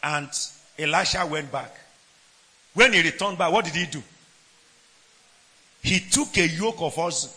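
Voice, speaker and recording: A man preaching a sermon. He swings between shouted lines and low asides, and keeps asking the congregation questions. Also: a little slow, pauses often. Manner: asks the congregation questions, laughs between points.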